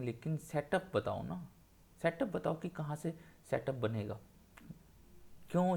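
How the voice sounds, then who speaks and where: A man's voice: mid-range voice, gravelly, darkish tone. Insistent man teaching trading charts. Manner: insistent, repeats points for emphasis. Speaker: trading educator. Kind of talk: screen-share chart tutorial.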